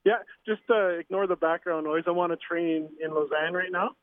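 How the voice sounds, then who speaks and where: This is a casual phone interview with a middle-aged Canadian on a train, a curling coach and dad who speaks haltingly, restarting and using fillers. He has a steady tone and a voice on the high side, and while there's no echo, the line is tinny.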